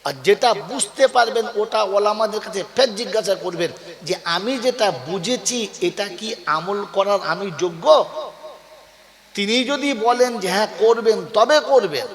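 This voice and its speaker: A man's voice: high-pitched, unhurried, roomy sound, big-room sound. A man preaching a sermon to a gathering, calling out questions for the crowd to answer and telling folksy stories with acted quotes. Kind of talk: Bengali waz sermon to a crowd.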